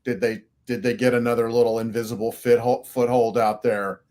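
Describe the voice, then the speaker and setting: Male co-host, mid-pitched, relaxed and rambling, lots of fillers. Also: fairly quick. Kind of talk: casual cybersecurity discussion.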